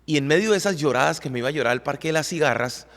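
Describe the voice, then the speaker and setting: A man's voice: a little high, animated, rapid-fire, fairly bright tone, in a large hall. A man co-hosting a podcast, earnestly telling a personal faith story with emotion, often repeating and restarting words. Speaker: podcast co-host, worship leader. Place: recording studio.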